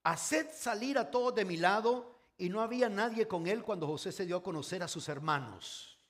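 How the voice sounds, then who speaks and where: A man preaching a sermon in short phrases, waiting for an interpreter, drawing some words out slowly for emphasis and dropping to a hush at times. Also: high voice. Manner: stretches words slowly for emphasis, swings from loud to hushed. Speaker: pastor.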